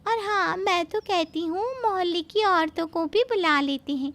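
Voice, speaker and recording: Teasing cartoon sister-in-law, very high, bright, slow. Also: female voice, no echo. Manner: teasing, mocking. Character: mocking young sister-in-law, teasing girl.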